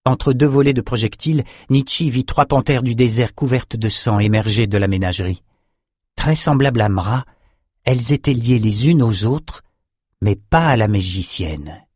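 A man narrating a fantasy novel in a steady, measured way at a middle pitch. The recording is dry and close, with no room around it. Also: husky, no room sound. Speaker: audiobook narrator. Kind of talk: scripted narration.

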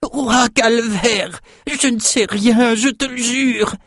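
A stammering, terrified old cook. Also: male voice, fairly high pitch, animated, unhurried, a little mellow, no room sound, clean studio sound, pitched above the performer's own voice. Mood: terrified pleading. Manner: stammering, begging. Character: old lame male cook, a terrified, pleading slave.

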